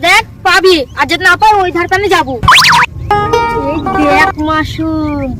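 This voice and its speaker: A man playing a brave young village man who stands up to the landlord in a comic sketch, with a shrill voice. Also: unhurried, over loud music. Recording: clear background noise.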